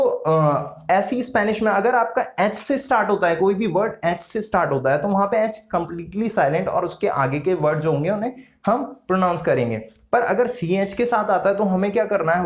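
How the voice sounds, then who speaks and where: A man teaching a casual spoken lesson, slow and patient, repeating each sound several times with frequent hesitant fillers. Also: high voice. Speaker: language teacher. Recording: roomy echo.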